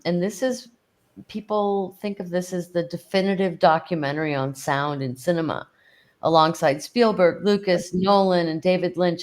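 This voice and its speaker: Woman host on a podcast, lowish voice, gushing a bit at her guest. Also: darkish tone. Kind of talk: interview questions.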